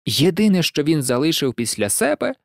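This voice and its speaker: An audiobook narrator reading a children's story in an expressive, lively way. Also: medium pitch, brisk, creaky, no room sound, studio quality.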